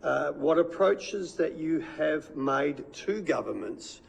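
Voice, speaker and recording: A man's voice: fairly high pitch, expressive, takes it slowly, gravelly, slight background noise, rough recording. An Australian man chairs a committee hearing in a blokey, informal way, stumbling over the formal wording.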